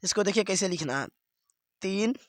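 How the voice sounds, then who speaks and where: A male math teacher giving a classroom lesson, explaining each step slowly and checking in with the listener again and again. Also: high-pitched, expressive, no echo, studio quality. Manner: explains step by step, repeats "dekhiye" and "theek hai".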